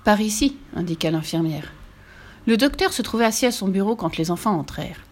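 A woman narrating a children's story with clear, lively storytelling. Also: lowish voice, a little fast.

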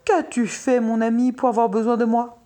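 A woman reading a fairy tale, voicing a calm, helpful magic talking mule that casts spells reassuringly. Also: fairly high pitch, normal speed, close to an everyday voice.

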